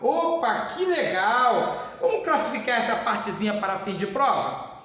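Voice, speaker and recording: High-voiced guy teaching grammar, slow and emphatic, big echoey room with long reverb. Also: fairly bright tone. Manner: slow, emphatic, addresses class as "senhores". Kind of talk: classroom grammar lesson.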